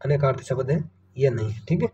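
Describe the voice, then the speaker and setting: A man's voice: medium pitch, animated, quick pace, dark tone, far from the mic. A man teaching, working through exam questions one by one and thinking aloud over each option, often checking in with his students. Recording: muffled, from the mic, faint room noise.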